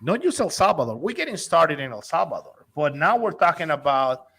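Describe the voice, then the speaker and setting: A man's voice: a little high, sing-song, fairly quick, a bit bright, slightly rough. A man from Honduras, an investor and company executive, talking eagerly and persuasively in a casual interview, often restarting his sentences.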